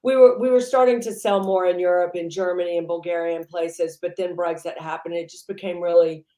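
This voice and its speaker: A woman with a lowish voice chats loosely as an interview guest, circling her points and filling gaps with "you know". The recording has a noticeable roomy echo. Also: fairly even intonation, a little fast, dark tone. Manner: rambling, heavy use of "you know". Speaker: entrepreneur guest. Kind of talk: casual interview chat.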